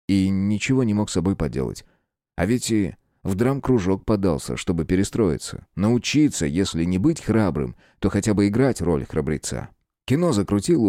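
Low-voiced, expressive male storyteller. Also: no echo, studio quality. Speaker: audiobook narrator. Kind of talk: scripted narration.

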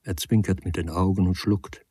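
Calm male audiobook narrator, husky low voice, dry close recording. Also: moderate pace, no echo.

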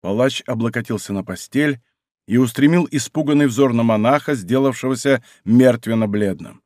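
A man narrating an audiobook in a measured storytelling manner. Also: mid-range voice, darkish tone, no echo, studio quality. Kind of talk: expressive audiobook reading.

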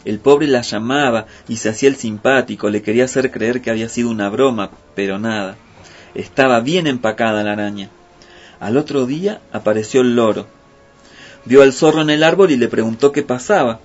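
A man telling a folk tale in a lively, playful way. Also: medium pitch, a little fast. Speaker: storyteller. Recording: muffled with faint music.

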